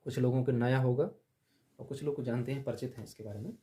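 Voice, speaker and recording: A man teaching a grammar lesson, drilling letters aloud and repeating them slowly for the class. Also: medium pitch, fairly even intonation, dark tone.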